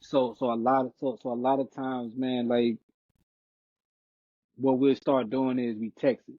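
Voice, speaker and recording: Man, podcast co-host, casual chat, emphatic heated slangy talk, mid pitch, tinny dry recording. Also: little pitch movement, measured pace, no room sound.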